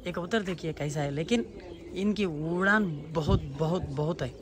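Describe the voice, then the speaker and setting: A man's voice: on the high side, normal speed, background noise. A man casually walking visitors around his outdoor pigeon loft and explaining his birds. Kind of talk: casual vlog walkthrough. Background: pigeons cooing.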